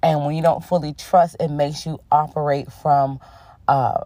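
A young woman with a low, grounded voice hosts a casual spiritual podcast. She is slightly under the weather, yet talks in an affirming, conversational way, checking in with listeners. The sound is dry and close, with no room around it. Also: little pitch movement, unhurried, no room sound. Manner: warm-toned, affirming, sprinkles in "okay?" and "honey". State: under the weather, voice a bit rough. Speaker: podcast host.

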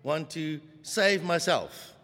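A preacher acting out a scared disciple. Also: male voice, fairly high pitch, slow pace, fairly bright tone, big-room sound. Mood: denying. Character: frightened adult male disciple, defensive.

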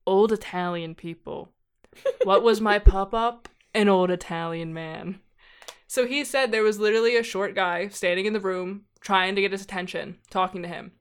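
A woman's voice: medium pitch, normal speed, clean tone. Young woman guest telling stories, super chatty, says like a lot. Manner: chatty, heavy use of "like" fillers. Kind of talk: casual chat, storytelling.

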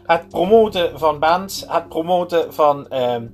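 A man with a Limburgish Dutch accent co-hosting a podcast, chatting casually and thinking aloud in a halting way. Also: on the high side, soft background music. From Limburg, Netherlands. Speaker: podcast host. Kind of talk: casual chat.

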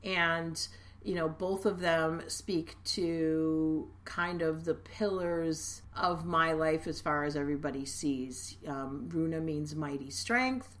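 A woman's voice: low-pitched, slow pace, a bit bright. A middle-aged woman co-hosting a podcast, explaining steadily and laughing easily in casual chat. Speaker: podcast co-host.

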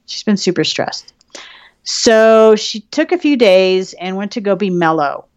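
A woman's voice: mid-range voice, expressive, a little slow, dry recording. A woman co-hosting a podcast in casual chat, swearing freely and laughing often. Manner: profane, laughing, chatty. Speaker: podcast co-host.

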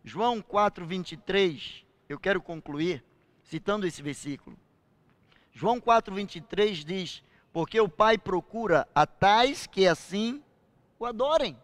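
High-voiced older preacher. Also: male voice, expressive, no echo. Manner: emphatic preaching, slows and swells on key phrases. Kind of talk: sermon.

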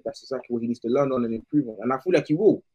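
A man's voice: medium pitch, very fast, dark tone, husky. A young man with a London accent giving casual, slangy football analysis as a podcast panellist.

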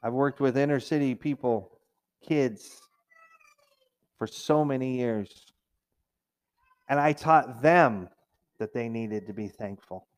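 A man's voice: mid-range voice, slow, long pauses. Conversational middle-aged male preacher. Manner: conversational preaching, mimics complainers in a raised whiny voice. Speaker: pastor. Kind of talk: sermon.

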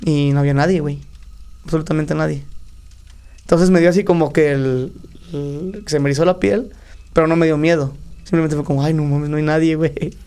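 A man's voice: on the high side, brisk, clear, resonant tone. A man with a Mexican accent, a podcast guest telling stories in slangy casual chat. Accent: Mexican Spanish. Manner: slangy, animated storytelling.

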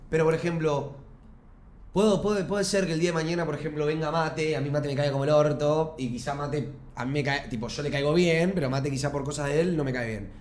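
A man's voice: on the high side, fast talker, reverberant. A young man with a Rioplatense Argentine accent, telling stories animatedly as a stream panelist. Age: young adult. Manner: animated storyteller, slangy. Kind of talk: casual chat.

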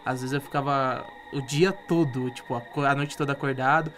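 A young man with a Brazilian Portuguese accent, a guest telling a ghost story in a casual, halting way, with frequent restarts. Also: medium pitch, steady tone, a bit bright, slight background noise. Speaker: interview guest.

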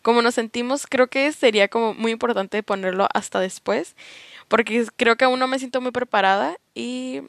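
A woman's voice: a little high, moderate pace, no echo. A woman hosting a casual podcast interview, chatty, playful and teasing. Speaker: podcast host.

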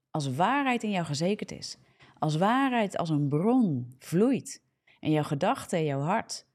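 Woman, Dutch accent, live sermon, warm dark tone, fervent, self-correcting. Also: lowish voice. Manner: fervent, frequent checking "ja?", restarts and self-corrections. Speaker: preacher hosting a live morning prayer broadcast. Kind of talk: preaching a live social media sermon.

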